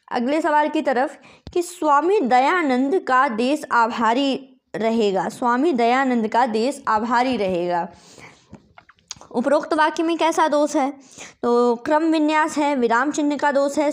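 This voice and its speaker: A woman tutor going through quiz answers, patiently spelling out words letter by letter and checking in with "okay" often. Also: high voice. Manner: patient, repeats "ठीक है" often. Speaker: Hindi exam tutor.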